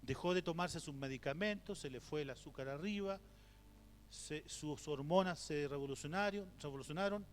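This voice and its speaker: High-voiced Chilean pastor in a reverberant hall. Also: male voice, normal speed. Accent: Chilean Spanish. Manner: storytelling with rhetorical questions, acts out quoted voices. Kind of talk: teaching talk at a church conference. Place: church hall. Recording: reverberant hall with faint hum.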